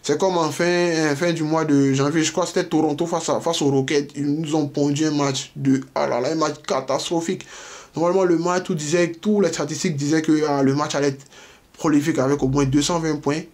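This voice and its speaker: A man with a fairly high voice walks viewers through a betting tutorial on screen. He goes step by step, repeats himself often and keeps checking in with "ok" and "voilà." The delivery is loose and casual, and he speaks straight to the audience. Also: steady tone, brisk, a little mellow. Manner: explains step by step, repeats phrases, frequent "voilà" and "ok"; addresses viewers directly, informal. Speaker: sports betting tipster.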